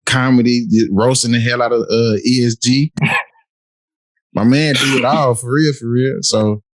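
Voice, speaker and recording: A man's voice: mid-range voice, steady tone, measured pace, dry recording. A man hosting a casual podcast, easygoing and often repeating "for real, for real.". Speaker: podcast host.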